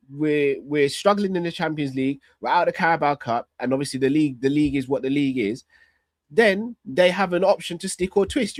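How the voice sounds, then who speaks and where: A man's voice: a little high, no echo. A man in a heated football pundit debate, insistently arguing point by point. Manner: insistent, argues point by point, pleads to finish. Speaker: football fan pundit on a panel show.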